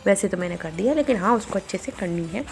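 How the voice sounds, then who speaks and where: A woman's voice: medium pitch, animated, quick pace, creaky, over music. A woman in her forties from India with a Bundelkhandi Hindi accent, chatting homely through her daily vlog at home in her kitchen. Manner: chatty, homely, retells family talk. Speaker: vlogger. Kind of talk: casual daily vlog narration.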